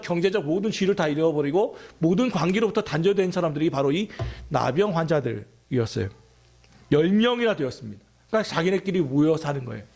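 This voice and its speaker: A man preaching a sermon as pastor of a church, talking conversationally and asking his listeners many questions. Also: sits high.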